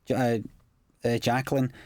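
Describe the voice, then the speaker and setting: A man's voice: medium pitch, flat delivery, normal speed, a little mellow. A Scottish man giving casual DVD commentary on his comedy show, chatty and self-mocking, telling anecdotes in local slang.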